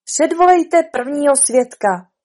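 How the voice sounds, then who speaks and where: A woman's voice: on the high side, lively intonation, darkish tone, slightly rough. A woman voicing a stern, pompous old king who sits as judge and threatens the witnesses. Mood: commanding.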